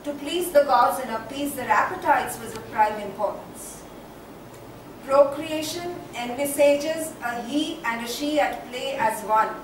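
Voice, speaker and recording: An actress plays a theatrical, whimsical poetess in a stage monologue, reciting poetry in a high-pitched voice as she muses grandly on art. Her delivery is declamatory and dramatic, full of emphatic repeats and drawn-out phrases. The recording sounds distant in a very echoey hall, with faint background noise.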